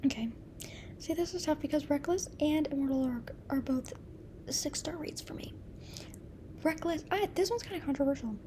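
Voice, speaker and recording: A young woman who vlogs about books chats casually and reviews them, her high voice soft, often half-whispered and gushing. She's getting sick, and her voice is wearing down from an oncoming cold. There's slight background noise.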